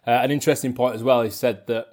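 A man's voice: mid-range voice, fairly even intonation, fast talker, darkish tone. A man hosting a casual football podcast, summarising points and handing over to co-hosts by name. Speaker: podcast host. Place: room shared with co-host.

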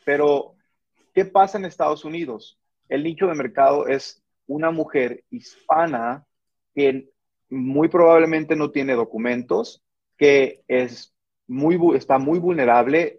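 A man who is an army sergeant speaks earnestly in an interview, trips over his words and restarts often. His voice is slightly husky and pitched a bit high. The recording is close and dry, with a slightly dull tone. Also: measured pace. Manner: earnest, explanatory, many restarts and hesitations. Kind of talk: conversational interview.

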